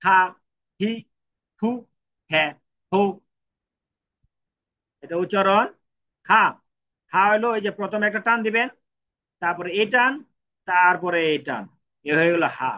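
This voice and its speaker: A man's voice: sits high, slow, long pauses, bright, forceful tone. A man teaching how to write Japanese characters, repeating each stroke step by step. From Bangladesh. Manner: repetitive, counts out each stroke. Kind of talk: step-by-step writing lesson. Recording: dull lo-fi recording.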